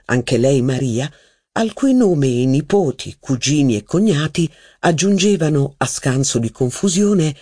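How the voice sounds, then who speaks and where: A man narrates a literary novel in a measured, expressive reading. His pitch moves in a lively way over long sentences, and the sound is dry and close. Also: dry recording. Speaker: audiobook reader.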